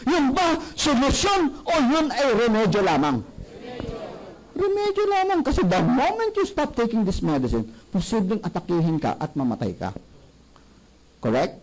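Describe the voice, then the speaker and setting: A man giving a sales seminar, animated and often asking the audience questions. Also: extremely high pitch, normal speed, a little hiss or hum, rough recording. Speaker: product presenter.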